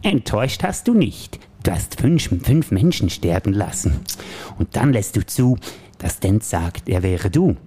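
Guy doing a husky sing-song clown villain, swings way up and down, cackly and taunting. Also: fairly low pitch, sing-song, a little slow, mellow, full character voice. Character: manic scheming male villain clown.

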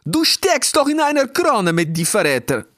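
A man voicing a proud, furious male sea eagle king, who shouts slowly and indignantly in a high voice. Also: big pitch swings, dry recording, clean studio sound, heavily acted. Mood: outraged.

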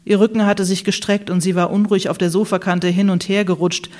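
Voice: mid-range voice, flat delivery, fairly quick, a little mellow. An audiobook reader narrating a satirical novel in a dry, ironic manner.

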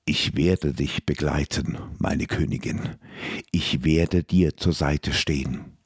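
A man's voice: a bass voice, takes it slowly, husky, dry recording, clean studio sound, full character voice. A man voicing a devoted male dwarf warrior who pleads earnestly. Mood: tender.

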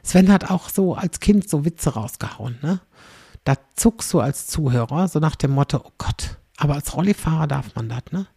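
A woman's voice: low-pitched, expressive, moderate pace, gravelly, warm tone, husky, no echo, studio quality. A middle-aged woman comedian chatting in a rambling, storytelling way, always checking in with the listener. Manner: chatty, rambling, tag questions "ne?". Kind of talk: casual storytelling monologue.

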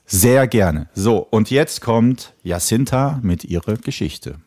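A man's voice: on the low side, animated, slow, darkish tone, dry recording, clean studio sound. A man hosting a podcast in casual chat, easygoing and mostly giving short reactions and prompts. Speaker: podcast host.

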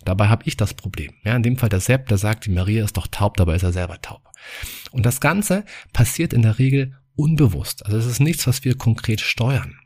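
Relaxed male self-help podcast host. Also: medium pitch, husky. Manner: relaxed storytelling, chatty with fillers. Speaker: podcast host, psychology coach.

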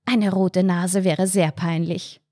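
A woman voicing a fussy, squeamish woman tourist on holiday, fretful and quick to get agitated. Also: on the low side, flat delivery, dark tone, no room sound, clean studio sound. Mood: fretful musing.

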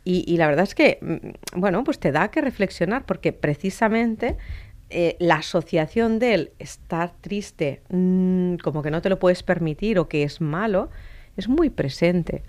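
A woman's voice: on the low side, expressive, unhurried, darkish tone. A middle-aged woman talking casually and reflectively about emotions, musing as she goes. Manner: reflective, many fillers and restarts.

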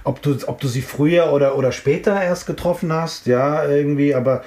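The recording, with its roomy echo, captures a middle-aged German man from the Frankfurt area, a hip-hop artist, rambling and reminiscing as the interviewee in an informal conversation, stumbling into fillers and restarts. He speaks briskly, his fairly high voice carrying a darkish tone.

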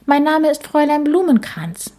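A woman's voice: sits high, big pitch swings, normal speed, mellow, pitched above the performer's own voice. A woman voicing a sad, tired female ghost who speaks politely but in a whiny, plaintive tone, in a storybook reading.

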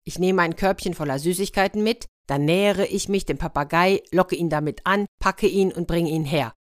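Woman narrator voicing a cunning young trickster, lively and scheming. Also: on the low side, moderate pace, dry recording, studio quality, close to an everyday voice.

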